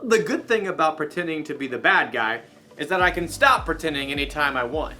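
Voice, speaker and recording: A man's voice: a little high, animated, brisk, bright, forceful tone. A man hosting a children's show, presenting scripted lines in a playful, theatrical way.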